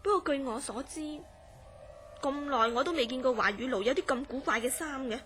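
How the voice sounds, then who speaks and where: With faint music underneath, a high, slightly bright voice carries this radio drama role: a Hong Kong Cantonese-accented actress playing an earnest woman. She solemnly recounts her friend's strange dreams in careful, serious narration.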